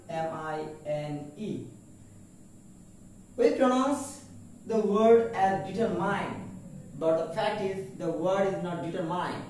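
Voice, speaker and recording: A man's voice: high voice, darkish tone, distant mic, slight background noise. A man running a pronunciation lesson, spelling words out letter by letter and repeating them, asking his listeners what each word is. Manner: mixes Bengali and English, asks "what is it?". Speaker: English teacher. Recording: very echoey room, voice from off-mic.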